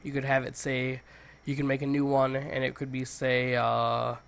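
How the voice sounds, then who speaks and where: Male tutorial host, mid-pitched, congested with a cold, loose and informal delivery. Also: completely flat delivery, normal speed, creaky, fairly bright tone, a little hiss or hum. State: congested, stuffy nose from a cold. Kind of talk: casual software tutorial, screen walkthrough.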